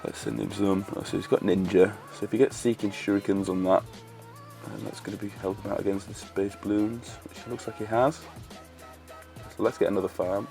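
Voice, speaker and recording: A man's voice: on the low side, brisk, creaky, soft background music. A man losing his voice, giving casual running commentary over a strategy game he is playing. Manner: relaxed slangy running commentary. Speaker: gaming video creator.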